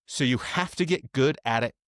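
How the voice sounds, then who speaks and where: A man co-hosting a casual business podcast rambles animatedly, acting out quotes as he talks. His voice is medium-pitched at a normal speed, and the recording is dry and studio quality.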